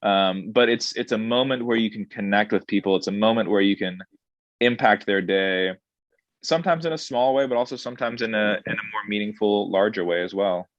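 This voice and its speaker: A restaurant director, born in Saudi Arabia and raised in Indonesia, answers interview questions thoughtfully and in a measured way, pausing with "um" and restarting phrases. His voice is on the low side, in a dry recording with the highs cut off.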